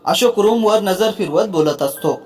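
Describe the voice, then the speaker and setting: Woman narrator, mid pitch, steady storybook reading, soft music underneath. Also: normal speed. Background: faint music.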